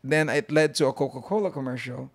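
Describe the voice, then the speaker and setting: A man in his forties from Los Angeles, a guest in a casual interview, telling his story in a lively way and switching between English and Tagalog. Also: medium pitch, quick pace. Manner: animated storyteller, mixing in Tagalog.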